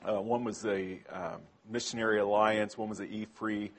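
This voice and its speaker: A man's voice: fairly low pitch, fairly even intonation, moderate pace. A man preaching a sermon to a congregation in a conversational way, often asking them questions.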